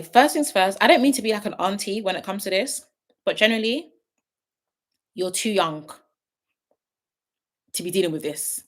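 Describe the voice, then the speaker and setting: A woman in her late twenties chatting casually on a livestream, reading viewer comments and giving frank, big-sister style advice. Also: medium pitch. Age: 20s. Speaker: YouTube host on a livestream.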